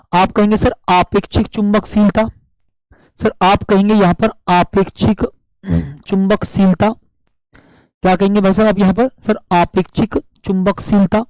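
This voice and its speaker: Man, teacher, sore throat, slow patient drilling, live online class, dry sound. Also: high-pitched, darkish tone, no echo, low-quality recording. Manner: slow, repetitive question-and-answer drilling; asks viewers to comment answers. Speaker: physics teacher.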